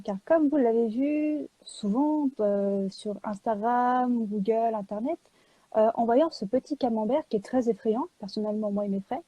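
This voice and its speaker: A woman publisher and illustrator talking in a live video chat, lively and joking, filling gaps with small words. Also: a little high, husky, no room sound, low-quality recording. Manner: lively and joking, with many fillers.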